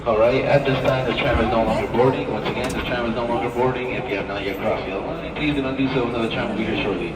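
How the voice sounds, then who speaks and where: A man working as a tram driver, giving firm, repetitive live instructions over a tram loudspeaker. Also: mid-range voice, fast, few pauses, a loud crowd. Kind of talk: live public announcement. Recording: distant loudspeaker with heavy noise.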